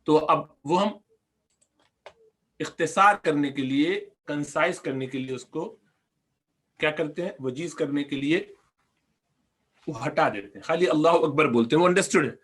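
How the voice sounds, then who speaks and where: Guy teaching arabic grammar w/ a pakistani urdu accent, goes slow on the words n keeps asking the class stuff. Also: on the high side, fairly bright tone, husky. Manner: explains patiently, repeats words slowly, asks the class questions. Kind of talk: recorded lesson.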